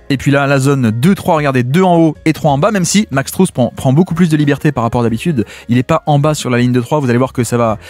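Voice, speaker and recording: A man's voice: mid-range voice, darkish tone. A man explaining basketball tactics over game footage, talking in the first person as the players and dropping in "hein" and "hop". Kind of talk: video breakdown commentary over game footage.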